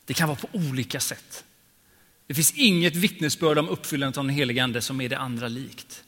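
A man preaching a sermon, telling personal stories and moving between hushed and emphatic delivery. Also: mid-range voice. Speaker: pastor. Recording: long hall reverb.

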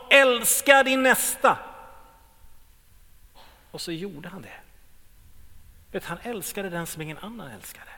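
High-voiced preacher in a reverberant hall. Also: male voice. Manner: swings between loud emphatic lines and quiet low ones. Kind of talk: sermon.

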